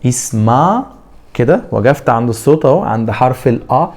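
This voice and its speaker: Gravelly Egyptian man teaching French. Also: medium pitch, darkish tone. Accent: Egyptian Arabic. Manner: repeats words slowly for the student to echo, asks and answers his own questions. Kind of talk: classroom lesson.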